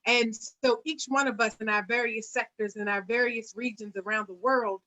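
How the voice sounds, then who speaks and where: A woman's voice: on the high side, steady tone, normal speed, sharp tone, dull audio. A woman hosting an online panel, speaking earnestly with a preacher-like cadence and frequent fillers. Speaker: host; singer.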